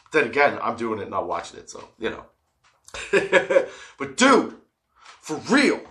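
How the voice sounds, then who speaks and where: A man's voice: mid-range voice, huge pitch swings, a little slow, fairly bright tone. A man hosting a casual, comedic solo podcast, stoned and rambling, giggly, drawing out the odd word. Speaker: podcast host.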